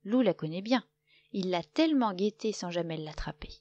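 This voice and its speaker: A woman narrating a children's story in a gentle, expressive way. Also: medium pitch, normal speed, no room sound, muffled recording.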